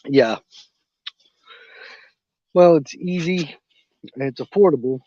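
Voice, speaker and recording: A man's voice: fairly high pitch, slow, no room sound. A man in his thirties, host of a gardening channel, chatting casually on a phone live stream as he walks around his garden. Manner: relaxed, rambling, chews fruit while talking. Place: outdoors in a home garden. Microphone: phone held in hand. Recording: dull lo-fi phone audio, dry.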